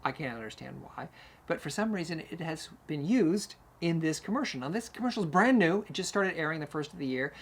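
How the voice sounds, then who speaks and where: This host, a music educator and conductor, has a fairly high, expressive voice with a breathy edge and talks a little fast. He tells classical music history stories casually and animatedly, acting out short quotes along the way.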